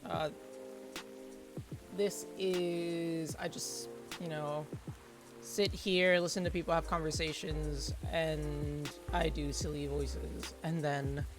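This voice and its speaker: A woman's voice: low-pitched, little pitch movement, slow pace. Casual woman streamer over prominent music. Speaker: streamer hosting a morning show. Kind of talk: casual gaming stream commentary, reading game dialogue aloud. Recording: music playing behind the voice. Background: background music.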